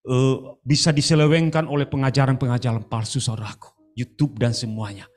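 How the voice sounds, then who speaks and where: A man preaching a sermon in animated style, often calling out to the congregation. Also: mid-range voice. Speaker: pastor. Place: church service streamed live.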